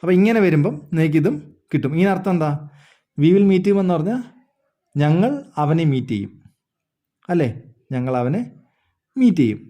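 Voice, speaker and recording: A man's voice: on the high side, sing-song, normal speed, long pauses, mellow. A man teaching an English grammar lesson, explaining step by step, repeating words and often checking whether the listeners understood.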